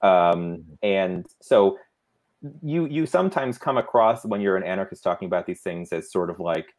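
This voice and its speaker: A man appearing as a guest author in a casual online interview, talking in a measured, anecdotal way with some hedging. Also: low-pitched, lively intonation, a little mellow.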